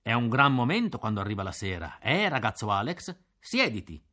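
A man's voice: mid-range voice, brisk. A man doing a sly, shabby probation officer who drawls. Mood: sly, probing. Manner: drawling, tacks a flat "già" onto his sentences.

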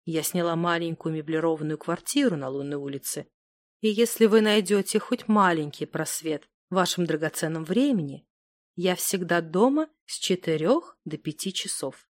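A woman's voice: lowish voice, moderate pace, no echo, voice pushed down, close to an everyday voice. A woman reading the lines of an elegant, mysterious noblewoman who speaks shyly and confidingly in a story. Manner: shy, confiding.

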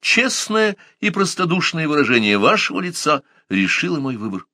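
A man reading the part of a polite, composed older inventor who speaks calmly and with weight. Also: fairly high pitch, moderate pace, dry recording, studio quality, pitched above the performer's own voice. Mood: courteous. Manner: calm, courteous, weighty delivery.

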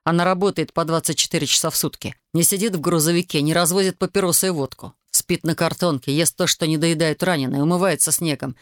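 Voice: mid-range voice, steady tone, fast, hardly any pauses, no room sound, studio quality, natural voice. A reader voicing a stubborn young male officer who answers in a curt, restrained way in an audiobook. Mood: indignant. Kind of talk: audiobook character voice.

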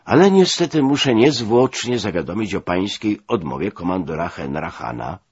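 A man voicing a calm American lieutenant who patiently explains an account, in a dull lo-fi recording. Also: low voice, moderate pace, breathy edge, no echo, pitched above the performer's own voice, full character voice. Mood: businesslike.

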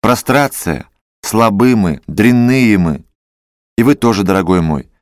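Brief: male reader as a resigned middle-aged doctor, low soft voice, storybook, dry. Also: lively intonation, unhurried, dry recording. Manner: quiet, resigned.

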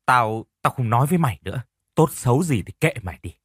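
A man's voice: mid-range voice, lively intonation, fast, slightly rough, no echo, studio quality. A man voicing a harsh, bossy older aunt who scolds and mocks her niece in a told story. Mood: scolding.

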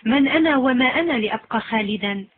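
A woman's voice: on the high side, animated, fast talker, husky. A woman voicing an earnest young man who asks doubting, searching questions. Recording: lo-fi phone-like sound.

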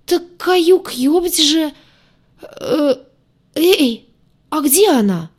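A woman's voice: high voice, animated, drawn-out words, pitched above the performer's own voice, full character voice. A woman voicing a jittery green alien crewman who squeals in alarm, in an audiobook. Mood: anxious.

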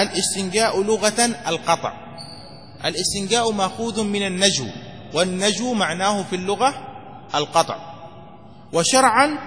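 A man's voice: high voice, fairly bright tone, long reverb tail. A man teaching a classroom lesson on jurisprudence, posing questions and answering them himself, and repeating key phrases for students to memorize. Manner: dictates phrases slowly word by word. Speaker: sheikh teaching Shafi'i jurisprudence.

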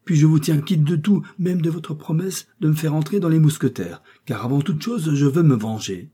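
An eager, hot-blooded young Gascon pours out passionate, emphatic lines, as a male narrator puts him on. The tone is dark and husky, read as an audiobook character. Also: medium pitch, normal speed, close to an everyday voice. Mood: pleading.

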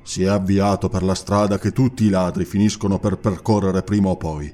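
A man voicing a grim, laconic barbarian warrior in an audiobook, with gruff, blunt speech. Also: low voice, fairly even intonation, fairly quick, dark tone, soft background music, voice pushed down, natural voice.

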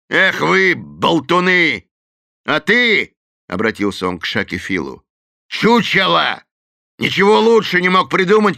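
A man's voice: low voice, bright, forceful tone. A man voicing a bullying male gang boss who barks out contemptuous orders. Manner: barking, contemptuous.

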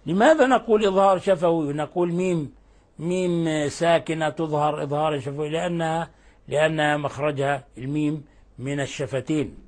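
An older man teaching Quran recitation rules, explaining patiently and reciting verse examples slowly and drawn out. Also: on the high side, darkish tone. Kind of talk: tajweed lesson with recited examples.

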